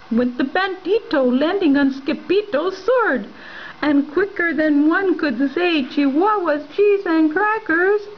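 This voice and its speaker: A woman reading a picture book aloud in an expressive, playful way, slipping in Spanish words. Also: very high-pitched, highs cut off. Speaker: reader. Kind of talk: storybook read-aloud.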